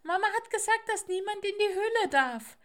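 A woman voicing a frightened, stubborn little owl chick in a storybook reading, with a squeaky, piping voice. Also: lively intonation, normal speed, a bit bright.

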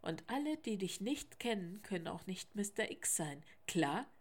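A woman reading a children's story, voicing a clever young schoolboy who talks in a brisk, decisive way. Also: mid-range voice, big pitch swings. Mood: eager.

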